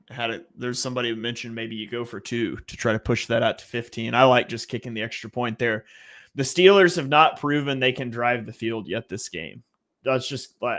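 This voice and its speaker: A man hosting a live watch-party stream who reads viewer comments and gives play-by-play on the game. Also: mid-range voice. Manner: relaxed, reads viewer comments, calls plays.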